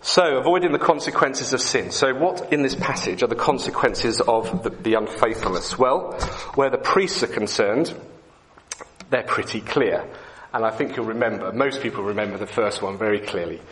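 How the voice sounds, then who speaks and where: A man's voice: medium pitch, normal speed, fairly bright tone, slight background noise. Conversational male preacher. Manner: conversational, asks the congregation questions. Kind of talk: evening sermon.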